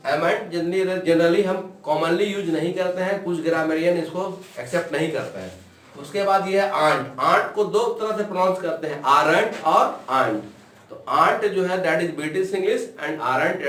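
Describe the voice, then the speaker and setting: A man teaching an online English pronunciation lesson, drilling words slowly one at a time and stretching the sounds. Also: high-pitched, a bit bright, reverberant, distant mic.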